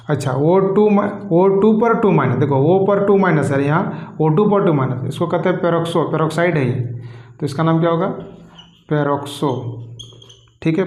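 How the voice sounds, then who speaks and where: Male chemistry teacher, slightly high voice, quizzes and answers himself, roomy echo. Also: a little mellow. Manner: asks questions and answers them himself, repeating key terms. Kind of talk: classroom lecture.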